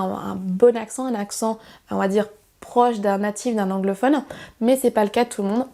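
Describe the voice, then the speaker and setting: A young woman with a fairly high but mellow, darkish voice gives a YouTube language lesson. She explains step by step, often pausing on fillers and correcting herself mid-sentence. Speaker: English teacher.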